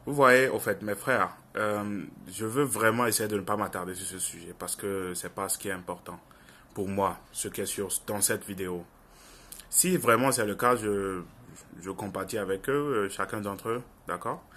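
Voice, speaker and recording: Speaking at a normal speed, a young man with a Francophone African accent gives viewers his opinions in a casual monologue. His pitch is fairly low and his tone bright and forceful, with slight hiss or hum behind it. As an online commentator, he presses his points earnestly, repeating phrases to stress them.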